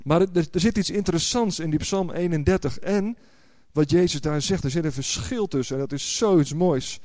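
A man's voice: on the high side, moderate pace, a little mellow, no echo. A man preaching a sermon, explaining word meanings and building to fervent, emphatic exclamations with repeated words.

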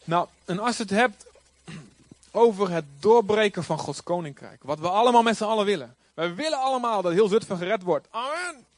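A male pastor preaching a sermon with passion, rising now and then to loud cries. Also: sits high, animated, normal speed, dry recording.

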